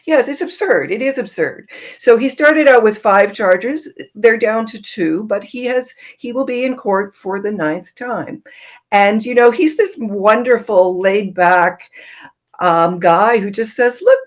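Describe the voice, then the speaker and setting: Middle-aged woman podcast guest, earnest storyteller, mid-pitched voice, frequent ums. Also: measured pace. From Canada. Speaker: guest, author and former journalist. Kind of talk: casual podcast conversation.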